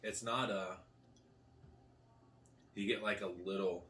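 Low-voiced man chatting casually. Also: fairly even intonation, takes it slowly, a bit bright. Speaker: host of a food challenge video. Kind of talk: casual chat while tasting food. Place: small living room at a table, indoors. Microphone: camera a couple of metres away. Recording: faint room noise, distant camera mic.

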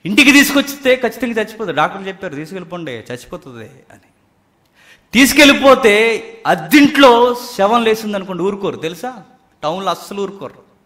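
A man preaching a sermon, swinging between loud emphatic cries and hushed near-whispers. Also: high voice, animated, fairly quick, long pauses.

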